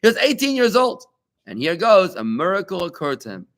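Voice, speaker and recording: A rabbi teaches a live Talmud class, animated and conversational, tossing out rhetorical questions and asides to his students. His voice sits high and he speaks a little fast.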